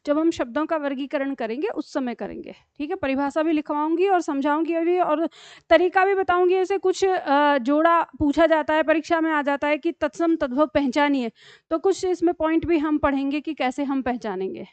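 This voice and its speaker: A woman's voice: sits high, moderate pace, no room sound. A woman teaching a grammar class, explaining patiently and checking often that her students follow. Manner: explains patiently with many checks like "theek hai?". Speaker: Hindi teacher. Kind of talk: classroom lesson. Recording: dull lo-fi dry sound.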